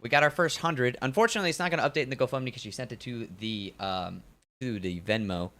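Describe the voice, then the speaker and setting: A man in his twenties doing relaxed, chatty live commentary on a gymnastics meet, trailing off with fillers. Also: mid-range voice, quick pace.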